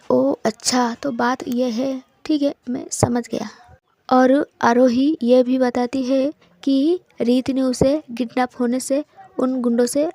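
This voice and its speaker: A woman's voice: a little high, warm tone. A woman narrating a love story in a chatty way, often repeating and restarting phrases.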